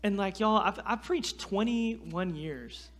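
A man from North Carolina, preaching as a guest speaker and telling a personal story in a lively, self-deprecating way. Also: sits high, slow pace. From North Carolina, USA. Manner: animated, self-deprecating, frequent restarts and fillers. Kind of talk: sermon storytelling. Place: church sanctuary.

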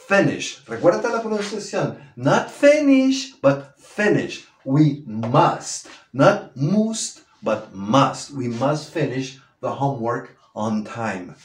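A man teaching a language lesson, slowly modelling the pronunciation of example phrases. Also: mid-range voice. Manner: slow, drawn-out model pronunciation of English phrases. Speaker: English teacher. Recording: echoey room.

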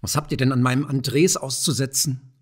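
A man voicing a poor, frail old widow who speaks softly and mildly. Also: mid-range voice, fairly even intonation, moderate pace, husky, close to an everyday voice. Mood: gentle. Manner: soft, mild, secretive.

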